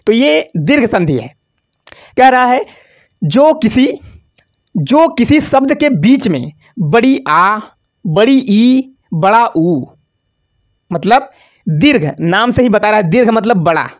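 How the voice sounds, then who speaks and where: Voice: medium pitch, very animated, slow pace, pauses often. Repetitive exam-prep grammar teacher. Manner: asks the class a question, then answers it, repeating key words; stretches out syllables when spelling out examples. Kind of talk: exam-prep grammar lesson over slides.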